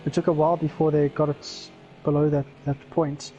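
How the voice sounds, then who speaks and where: A man's voice: fairly high pitch, level tone, brisk, dark tone, lo-fi sound, soft background music. A man co-commentating on a sim race, thinking aloud about what drivers are doing. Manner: thoughtful, speculating on drivers' moves. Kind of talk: live sim-racing commentary.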